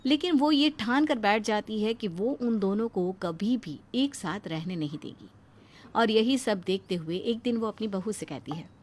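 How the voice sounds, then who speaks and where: A woman giving steady scripted narration for a cartoon moral story. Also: medium pitch, moderate pace, a little hiss or hum.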